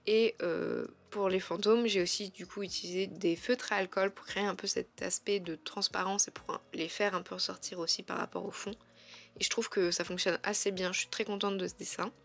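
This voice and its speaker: A woman art vlogger talking casually through her drawings, chatty and halting with frequent fillers and restarts, and frankly self-critical about her work. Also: medium pitch, steady tone, gravelly.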